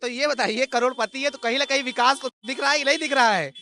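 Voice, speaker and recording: A man's voice: extremely high pitch, fairly even intonation, quick pace, pushed and bright. A male reporter doing a street interview, probing passersby with challenging questions. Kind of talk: street vox pop interview.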